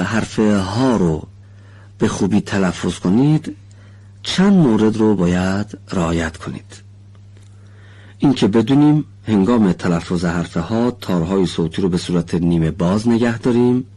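A man teaching the correct pronunciation of letters for Quran recitation in a studio lesson. He talks slowly and deliberately, models sounds carefully, and gives students polite encouragement. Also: on the low side, warm tone. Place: recording studio.

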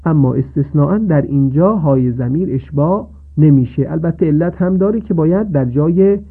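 A man gives a radio lesson on Quran recitation in a somewhat high voice. He explains each rule patiently, then chants the examples in a long, drawn-out recitation. The sound is thin and narrow, like an old phone line. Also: breathy edge.

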